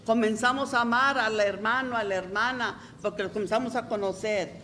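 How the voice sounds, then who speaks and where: A woman's voice: fairly high pitch, steady tone, fairly quick, pushed and bright, slight background noise. A middle-aged woman pastor, preaching a folksy, chatty sermon and often asking "¿verdad?".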